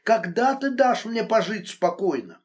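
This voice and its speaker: A man's voice: big pitch swings, measured pace. A man voicing a furious, controlling married man. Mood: enraged. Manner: shouting accusations, then hissing low threats. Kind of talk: audiobook reading.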